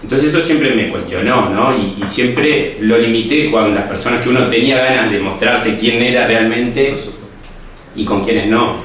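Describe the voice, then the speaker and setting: A man's voice: medium pitch, moderate pace, fairly bright tone. A young man with a Uruguayan Spanish accent, a history student and teacher, speaking reflectively with many restarts and tag questions in a personal interview. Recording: echoey room, distant mic, faint noise.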